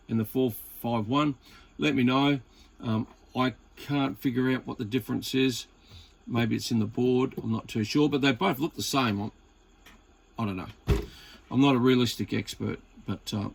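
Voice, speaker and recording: A mid-range male voice with vocal fry and an Australian accent. He chats casually while demonstrating gear in a hobby video, hesitating often and rambling in a laid-back style.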